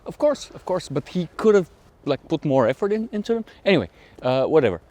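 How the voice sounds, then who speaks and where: A man co-hosting a podcast, retelling a plot in a halting, rambling way while strolling outdoors. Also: a little high, big pitch swings, darkish tone, dry recording. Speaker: podcast co-host. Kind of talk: casual chat while walking.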